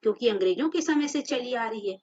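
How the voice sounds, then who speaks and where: A woman's voice: a little high, expressive, quick pace, a little mellow. A woman teaching a grammar lesson to children, patiently spelling out words letter by letter. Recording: dull lo-fi audio.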